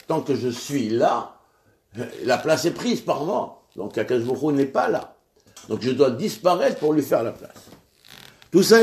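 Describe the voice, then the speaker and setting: A man teaching a religious lesson, speaking in a measured way with frequent restarts and pauses, lifting his voice on the key words and questions. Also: medium pitch, darkish tone.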